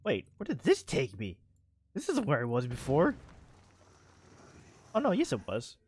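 A man's voice: mid-range voice, huge pitch swings, measured pace, darkish tone. Dude commenting on his game stream, cussing and laughing, bit of faint noise behind. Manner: swears and laughs while reacting. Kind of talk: casual gameplay commentary. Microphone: headset with closed headphones.

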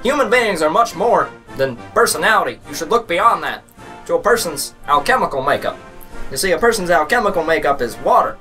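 A young man doing an impression voice of a solemn statesman, formal and halting, reading out a list. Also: fairly high pitch, lively intonation, bright, forceful tone, faint music behind. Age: young adult. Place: plain small room indoors.

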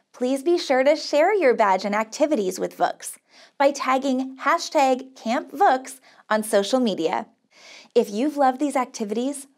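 Sounding like an upbeat camp counselor, an American woman with a high voice encourages young children as she teaches them a craft. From a small indoor studio set, she lays out each step in simple terms and praises them in a sing-song way.

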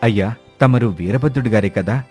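A man's voice: lowish voice, a little fast, a little mellow, faint music behind, close to an everyday voice. A man doing a kind, pleading rich landlord.

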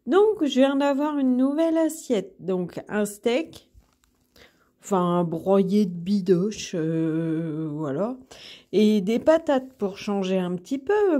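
A woman's voice: mid-range voice, dark tone. A woman recording a casual, chatty video diary from her hospital room, talking about her meal with self-deprecating asides. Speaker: vlogger.

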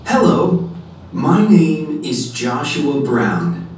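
A polite young man introducing himself in a scripted textbook dialogue, speaking slowly and clearly with a lively, rising and falling pitch. The course audio is played back from a distance in an echoey room. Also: slight background noise. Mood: friendly. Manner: slow, carefully spoken textbook dialogue.

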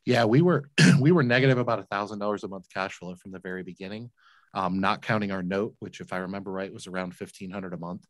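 A man's voice: deep voice, quick pace, no echo. Earnest man telling his story. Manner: earnest, emphatic, repeats words when moved. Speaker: guest, laundromat entrepreneur. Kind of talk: interview storytelling. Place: home room, indoors. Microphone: large desk mic with headphones, video call.

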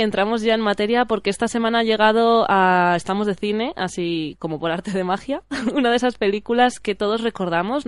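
Clear-voiced woman presenter. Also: mid-range voice, dry recording. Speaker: radio film show host. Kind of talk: presenting, semi-scripted.

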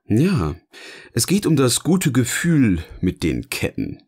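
In scripted audio-novel dialogue, a man performs a teasing, philosophical partner with a theatrical, questioning manner and a musing mood. He is a voice actor and narrator. His medium-pitched voice swoops wildly, moves slowly, and is a little mellow with a breathy edge, heavily acted throughout.

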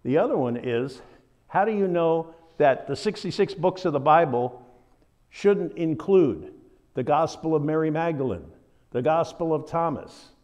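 A man's voice: on the high side, animated, a little slow, darkish tone. A man with a Southern American accent teaching a Bible study in a conversational, folksy way, full of asides.

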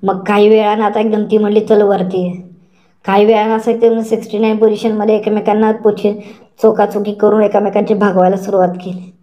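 A woman narrating an adult story in the first person, slow and repetitive, saying words over and over. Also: medium pitch, level tone, warm tone, dull audio.

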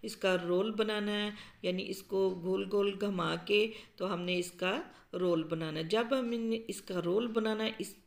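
Gravelly-voiced woman explaining a recipe. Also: mid-range voice. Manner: calm, explanatory, with frequent um fillers. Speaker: cooking show host. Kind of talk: step-by-step cooking instructions. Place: home kitchen.

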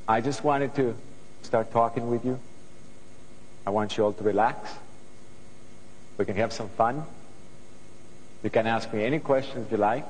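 A man's voice: medium pitch, a little slow, pauses often, a little hiss or hum. Greek-accented man speaking in a hall. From Greece. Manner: earnest, thoughtful, with frequent restarts. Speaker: guest composer. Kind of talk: talk to a student audience. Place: television studio stage before an audience. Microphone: lapel mic.

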